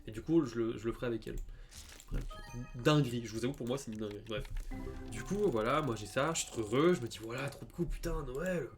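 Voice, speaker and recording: A man's voice: medium pitch, fast, soft background music. A young man streaming a game, telling a story casually with many fillers and stammers. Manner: animated, stammering, heavy fillers. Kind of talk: casual storytelling over gameplay.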